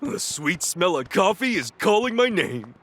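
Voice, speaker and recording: A man's voice: sits high, big pitch swings, a little slow, fairly bright tone, exaggerated voice. A man playing a small, cocky, coffee-loving creature detective in a video game, with a wry, casual manner. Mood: relaxed, chatty. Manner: wry, self-satisfied, casual. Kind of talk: video game cutscene acting.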